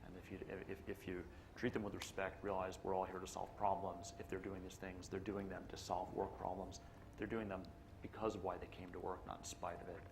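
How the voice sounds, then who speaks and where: A man's voice: deep voice, little pitch movement, a little fast, creaky, noisy background. A man on a conference panel, giving earnest, firm advice. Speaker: panelist CIO. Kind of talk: panel discussion.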